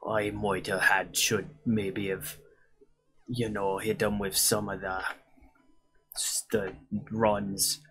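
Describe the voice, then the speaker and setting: A man's voice: fairly low pitch, level tone, slow pace, long pauses, fairly bright tone, slight background noise. A man streaming a video game, dropping pirate-style yar and arr growls and swearing as he plays. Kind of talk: let's play commentary.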